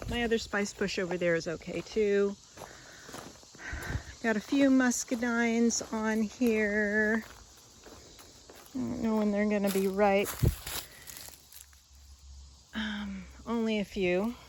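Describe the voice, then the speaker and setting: A woman's voice: medium pitch, steady tone, slow pace, long pauses. A woman chatting casually and unscripted as she walks around a garden, musing and trailing off as she shows what is there. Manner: musing, rambling, trailing off mid-thought. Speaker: gardening vlogger giving a garden tour. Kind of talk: casual chat, unscripted garden walk-through. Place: outdoors in a garden, walking about. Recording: outdoor ambience with insect noise. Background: faint crickets and insects.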